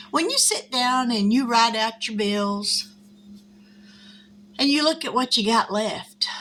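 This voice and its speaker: A woman's voice: high-pitched, bright, forceful tone, slight background noise. A woman, chatting casually at home as host of her savings channel, folksy and friendly with her viewers. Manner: chatty, folksy, says y'all. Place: at home, indoors.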